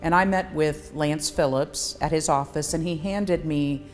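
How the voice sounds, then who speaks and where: A woman's voice: deep voice, a little slow, soft background music. A woman attorney speaking in a composed, matter-of-fact way in a documentary interview.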